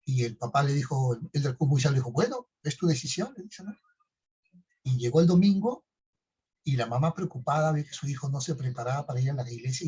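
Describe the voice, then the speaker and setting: A man's voice: medium pitch, a little mellow, breathy edge, highs cut off. A man co-hosting a podcast, telling stories in a casual talk style and tagging his phrases with questions. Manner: conversational, tags phrases with "¿no?". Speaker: podcast co-host.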